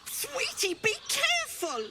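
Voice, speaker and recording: A woman's voice: very high-pitched, wildly swooping pitch, takes it slowly, very noisy, full character voice. A woman playing a doting, cloying old hag posing as a kindly auntie in a video game, folksy and bossy. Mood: sweetly fearful. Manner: folksy, cloying endearments, turning sternly bossy. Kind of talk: video game character acting.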